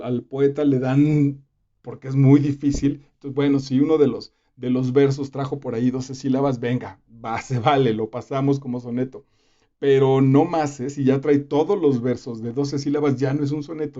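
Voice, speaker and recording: Guy teaching literature, super mellow dark voice, chatty with lots of fillers, kinda dull lo-fi sound. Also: medium pitch. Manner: conversational, with fillers and asides to the viewer. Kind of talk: casual explanatory lesson. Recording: slightly dull lo-fi recording.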